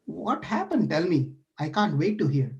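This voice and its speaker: A man whose voice sits on the high side, with big pitch swings at a moderate pace, voices a playful, caring male god in a devotional story. The god is curious and eager, questioning a frightened sage. The audio is dull.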